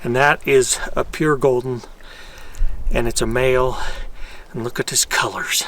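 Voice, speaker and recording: A man's voice: medium pitch, steady tone, measured pace, far from the mic. A man talks in an easy, matter-of-fact way, dropping in dry humor. He sits back from the camera mic, with faint outdoor noise around him. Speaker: backpacker vlogger. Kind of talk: casual outdoor chat. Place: outdoors at a high mountain lake.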